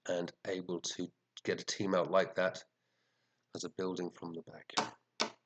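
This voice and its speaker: Low-pitched sniffly man, chatting casually. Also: completely flat delivery, unhurried, heavy background noise. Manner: chatty, muttering to himself, mildly sweary. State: sniffly, congested with a head cold. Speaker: fantasy football show host. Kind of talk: casual rambling commentary reviewing team scores.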